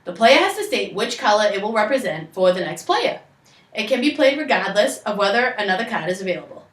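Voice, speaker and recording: A young woman with a Boston accent reads scripted instructions aloud like a storyteller. Her pitch moves around in a lively way at a middling height. The sound is roomy, as from a camera across a living room. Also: brisk. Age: young adult. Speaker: presenter of a game tutorial. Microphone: camera a few metres away. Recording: echoey room, distant camera mic.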